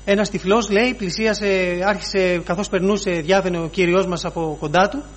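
A man preaching a sermon, pausing often, repeating phrases and inserting "he says" as he retells scripture. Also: high-pitched, steady tone, slight background noise.

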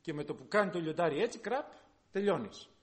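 A man preaching a sermon, emphatic and full of rhetorical questions, swinging between loud and hushed delivery. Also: fairly high pitch, very animated.

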